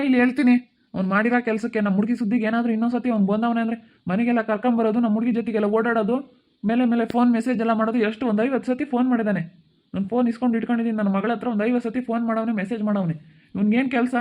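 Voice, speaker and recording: A man's voice: very high voice, phone-quality sound. A man playing a furious protective village father. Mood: angry. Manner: scolding, threatening, rapid outbursts. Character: angry middle-aged village father, protective. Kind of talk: amateur village family skit.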